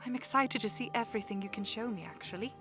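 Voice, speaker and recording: A woman's voice: on the high side, quick pace, close to an everyday voice. A woman playing a polite, earnest young princess with formal, articulate phrasing in a fan audio drama, music behind her. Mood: sincere.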